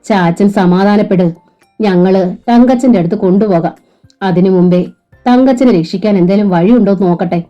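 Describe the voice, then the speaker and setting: A woman voices a steady man who leads the auto drivers, calm and firm in how he speaks. Her tone stays mellow and warm, and the track is dull and muffled. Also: mid-range voice, normal speed, soft background music, natural voice. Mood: reassuring.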